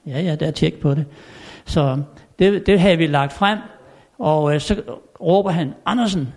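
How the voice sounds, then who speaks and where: An older man telling anecdotes in a chatty way, chuckling often and filling pauses. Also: a little high, a little mellow. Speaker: storyteller. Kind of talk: anecdotal storytelling.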